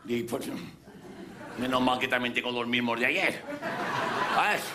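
At a measured pace and in a mid-range voice, with background noise, a Mallorcan-accented comedian spins a crude, rambling in-character monologue. It's live stand-up on a café stage, his manner brash and storytelling, with the audience laughing throughout.

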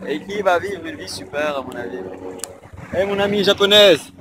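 A man's voice: high voice, expressive, moderate pace, background noise. A young man, a native French speaker, chatting casually to a handheld phone as a travel vlogger. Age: young adult.

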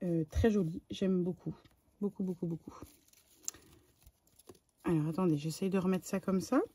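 A middle-aged French woman with a French accent chatting casually while unboxing a parcel, excitable and full of fillers and repeated words. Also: fairly low pitch, fairly quick, husky. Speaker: vlogger. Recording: faint background noise.

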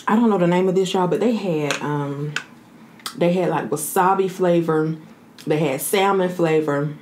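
A woman's voice: deep voice, a little mellow. A woman in her thirties chatting casually as a mukbang host, talking while eating and savoring her food. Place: small room indoors, seated at a table. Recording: noticeable room noise.

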